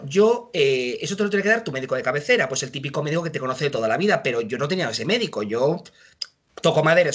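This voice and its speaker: A man in his thirties telling lively, self-mocking anecdotes in a casual interview. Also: a little high, slightly rough. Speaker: judge.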